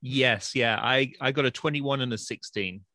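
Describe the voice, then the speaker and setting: A man's voice: mid-range voice, normal speed, bright, forceful tone, dry recording, clean studio sound. A man playing a tabletop game on a video call, matter-of-fact as he counts up dice rolls. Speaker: player. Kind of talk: casual game talk.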